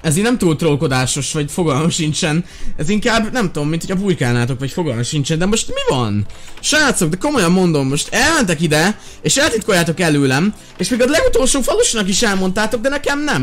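A man chatting excitedly through his gameplay, his voice fairly high and swinging all over the place. He talks straight to his viewers in a quick, chatty flow, with faint music playing underneath. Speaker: gaming video host.

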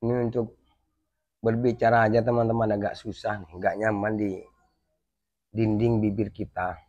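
A man's voice: on the low side, little pitch movement, darkish tone, lo-fi sound. A man reviewing a product in a casual vlog, talking to his viewers while wearing snap-on fake teeth, which makes speaking awkward for him. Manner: plain, unhurried, addresses viewers as friends.

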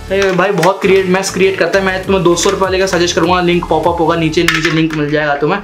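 A man's voice: high-pitched, little pitch movement, rapid-fire, over music. A young man in a casual how-to vlog, chatting and repeating himself as he works with his hands at a desk in a small room. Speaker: vlogger.

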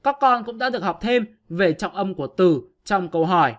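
A man's voice: high-pitched, animated, fairly quick. A male teacher giving an online grammar lesson, patiently explaining step by step to his pupils.

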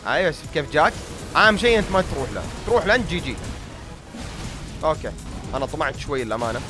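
This young man's voice runs on the high side, racing with big swings in pitch as music plays underneath. A gaming YouTuber with a Gulf Arabic accent, he offers casual, self-deprecating, grumbling commentary aimed right at viewers, sounding tired and strained.

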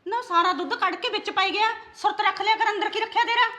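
A woman playing a sharp-tongued, nagging middle-aged mother-in-law from Punjab in a village drama. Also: very high voice, fast talker, muffled recording. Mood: taunting. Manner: scolding, taunting. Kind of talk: amateur village drama acting.

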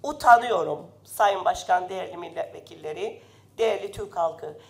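A woman's voice: on the low side, moderate pace, creaky. A woman member of parliament, giving an impassioned, indignant speech at a rostrum microphone in a parliament chamber while slightly ill. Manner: impassioned, indignant, rising to loud emphasis.

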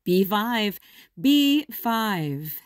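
A woman working as a bingo caller, announcing in short, measured, deliberate calls and repeating each one. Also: mid-range voice, big pitch swings, no room sound, studio quality. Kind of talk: bingo calling, each number announced twice.

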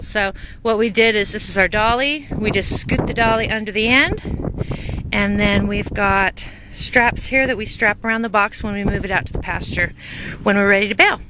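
A woman giving a casual, instructional DIY walkthrough as she records outdoors in a yard. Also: medium pitch. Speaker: DIY homesteading video host. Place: outdoors in a yard beside a house, in wind. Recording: wind and ambient noise outdoors.

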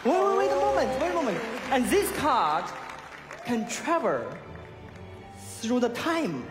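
A man in his thirties whose first language is Chinese performs magic patter in slow, careful English, upbeat and lilting. His voice carries a long theatre reverb. Music and a large audience sit behind it. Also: extremely high pitch, very animated, a crowd in the background. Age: 30s. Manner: halting non-native English, showman patter. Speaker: stage magician.

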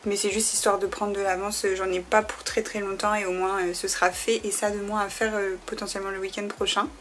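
A woman's voice: mid-range voice, level tone, a little fast, fairly bright tone, a little hiss or hum. A young woman from France, a freelance graphic designer, chatting casually to camera in a rambling way with many fillers, sounding tired. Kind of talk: casual vlog chat to camera.

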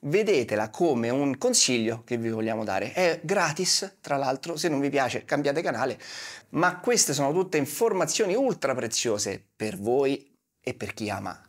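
A man's voice: medium pitch, big pitch swings, moderate pace. A man in his thirties gives casual instructional commentary in colloquial speech, talking straight to the viewer with rhetorical questions. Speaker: car detailing presenter. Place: small padded studio, seated at a desk. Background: music.

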